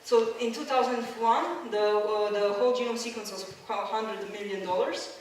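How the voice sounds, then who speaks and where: A woman's voice: fairly high pitch, normal speed. A woman from Croatia delivers a public science lecture, explaining as she goes and restarting her sentences often. She is picked up from some distance in a strongly reverberant hall. A faint room hum sits underneath. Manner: explanatory, with many fillers and restarts. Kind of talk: public science talk with slides. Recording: echoey hall, mic at a distance.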